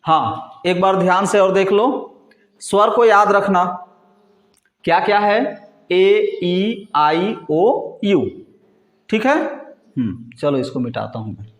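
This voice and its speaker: A man teaching a class slowly at a board, asking questions and answering them himself, with frequent checks that the class is following. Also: high-pitched, expressive, fairly bright tone, reverberant. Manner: frequent "ठीक है" and "है नी" check-ins.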